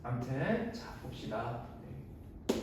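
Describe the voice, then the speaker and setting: A man's voice: mid-range voice, big pitch swings, takes it slowly. A man teaching a math class, chatty and digressive, bantering with his students in a casual way. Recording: echoey room, mic at a distance, faint noise.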